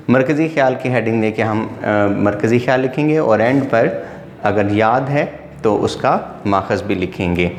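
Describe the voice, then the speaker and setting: A male teacher giving an exam-prep grammar lesson, going through word pairs one at a time in a measured way. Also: mid-range voice, a little hiss or hum. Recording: echoey room with faint ambience.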